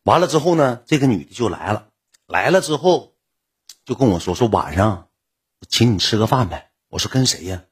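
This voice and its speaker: A man's voice: fairly low pitch, very animated, moderate pace. A man with a Northeastern Chinese accent who tells his own story to viewers in a blunt, colloquial way. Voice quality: very husky.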